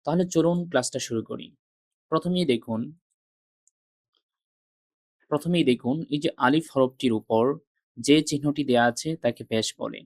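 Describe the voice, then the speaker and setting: A man teaching Arabic letter pronunciation, repeating each sound slowly and carefully, with patient classroom explanations. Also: medium pitch, darkish tone, no echo, studio quality. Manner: drills each sound three times with careful articulation. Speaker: Quran reading teacher. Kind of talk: slow, deliberate recitation lesson.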